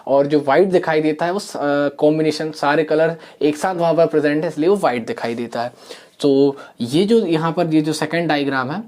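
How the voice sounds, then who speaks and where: A man, teaching a science lesson in a soft voice from a small room, explaining step by step with many fillers and repeats. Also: a little high, normal speed. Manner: soft-spoken. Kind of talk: classroom lesson. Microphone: camera mic.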